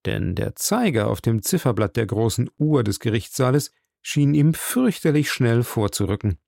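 A man narrating a classic novel as an audiobook in slow, steady storytelling. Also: mid-range voice, creaky, dry recording, studio quality.

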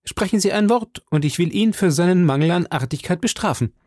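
A man's voice: high voice, expressive, fairly quick, a little mellow, no room sound, studio quality, voice pushed up. A man voicing a young, hot-headed male swordsman who speaks in a raised, courtly but challenging manner, from a storybook reading. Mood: defiant gallant.

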